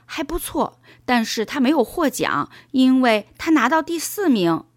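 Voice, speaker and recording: A woman's voice: high-pitched, big pitch swings, unhurried, no echo, studio quality, pitched above the performer's own voice, full character voice. A woman voicing an eager, curious young schoolboy in a children's storybook reading.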